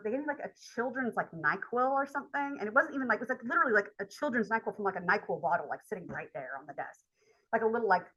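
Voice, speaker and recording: A woman's voice: mid-range voice, fairly bright tone, highs cut off. A woman college instructor, telling a rambling personal story in a casual lecture, with lots of filler words. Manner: chatty, rambling, heavy use of filler words.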